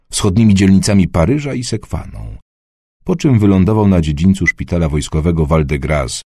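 Deep dark husky guy reading an audiobook, measured and even. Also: no echo, studio quality. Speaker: audiobook narrator. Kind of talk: scripted narration.

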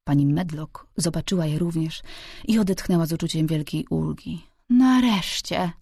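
A woman reading a novel aloud as an audiobook narrator, calm and even. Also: sits low, normal speed, creaky, husky, no room sound, studio quality. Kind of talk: scripted narration.

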